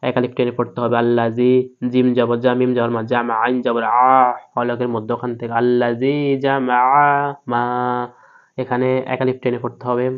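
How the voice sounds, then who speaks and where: A man teaching a Quran reading lesson, spelling each word letter by letter and then chanting it slowly and drawn out, with a Bangladeshi Bengali accent. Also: medium pitch. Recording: dull lo-fi recording.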